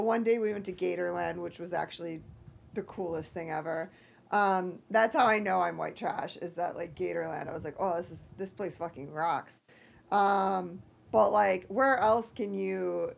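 A woman with an American accent and a hoarse, croaky voice from allergies, chatting casually and candidly as a self-deprecating podcast co-host. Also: on the low side, normal speed. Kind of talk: casual chat.

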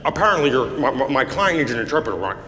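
A man's voice: medium pitch, big pitch swings, racing, sharp tone. A man playing a nervous first-time lawyer, hesitant and fumbling over his words. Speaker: comedian. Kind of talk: comedy sketch, playing a nervous novice lawyer. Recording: roomy hall reverb, faint noise.

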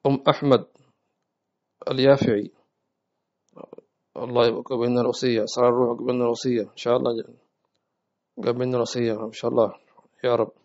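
A gravelly-voiced man teaching at a rapid clip, his pitch held almost flat. He answers viewers gently and often runs through repeated prayers. The sound is dull and lo-fi, like a home live stream. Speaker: religious teacher.

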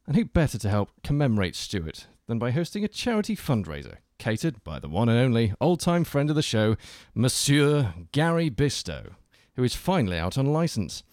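A man's voice: mid-range voice, wildly swooping pitch, a little fast, few pauses, a little mellow, dry recording, studio quality. A man hosting a comedy radio show in a mock-solemn presenter manner. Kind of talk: comedy radio hosting and reading a rhyming story.

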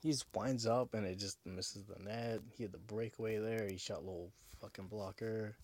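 A low-voiced man talks as if into his own podcast, clearly drunk. He rambles casually, circles back over the same phrases and swears freely. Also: steady tone, moderate pace, a little mellow. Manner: rambling, profane, repetitive. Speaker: podcast host. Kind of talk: casual sports podcast monologue.

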